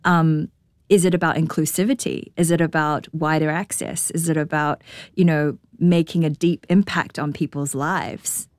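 A woman's voice: deep voice, steady tone, normal speed, dry recording, clean studio sound. A woman with a New Zealand accent, a conductor speaking in a radio interview, thoughtful and full of rhetorical questions.

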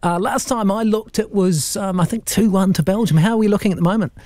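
A man's voice: high-pitched, fast talker, darkish tone, dry recording, clean studio sound. A man with a New Zealand accent, chatting casually as a radio host. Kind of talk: casual on-air chat.

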